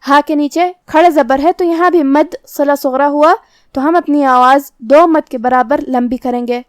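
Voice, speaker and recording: A woman's voice: high-pitched, steady tone, no room sound, studio quality. A woman teaching Quran recitation rules, explaining each letter and pronunciation step by step in a patient, methodical way. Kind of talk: tajweed lesson with slow recitation.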